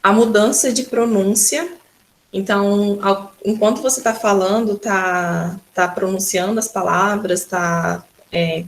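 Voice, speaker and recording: Gravelly-voiced Brazilian woman teaching. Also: mid-range voice. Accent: Brazilian Portuguese. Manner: patient explaining, often starts with "então". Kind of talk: recorded school lesson.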